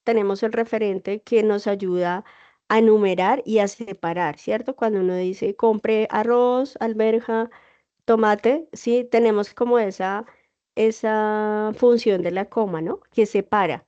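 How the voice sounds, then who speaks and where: A woman runs an online class, patiently explaining and checking in with the students. She speaks at a measured pace with fairly even intonation in a dark, mid-range voice, and the computer mic on the video call gives dull lo-fi audio.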